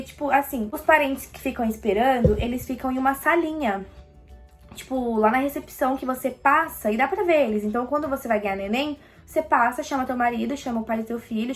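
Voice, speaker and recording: A young Brazilian woman casually telling a personal story, animated and acting out quoted lines. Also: high voice, brisk, faint music behind.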